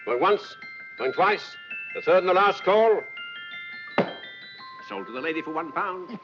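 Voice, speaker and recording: Wheedling London auctioneer, animated, old film sound. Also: male voice, high voice, a little slow. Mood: cajoling. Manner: theatrical sales patter, repetitive calls. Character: chatty, wheedling London auctioneer, male, hustling salesman. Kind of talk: 1940s film acting. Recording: muffled 1940s film soundtrack, music behind.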